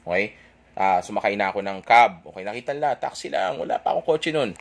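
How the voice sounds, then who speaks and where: A young man rambles through a dating story for an audience, chatty and self-correcting, checking in with "okay?" after nearly every point. His fairly low, creaky voice is animated and fast.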